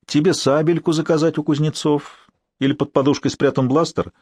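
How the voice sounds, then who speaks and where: A man's voice: mid-range voice, lively intonation, fairly quick, darkish tone, husky, no echo, studio quality. A male narrator voicing a sardonic young ruler who grumbles and mocks his friend, in an audiobook. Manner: sarcastic, grumbling.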